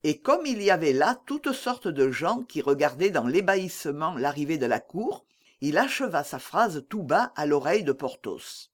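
An audiobook narrator reading a classic novel aloud and voicing the dialogue. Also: medium pitch. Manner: slow, lively storytelling with voiced dialogue.

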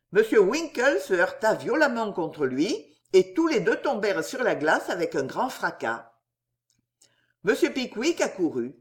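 Expressive woman narrating a classic novel. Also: medium pitch. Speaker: audiobook narrator. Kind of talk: scripted narration.

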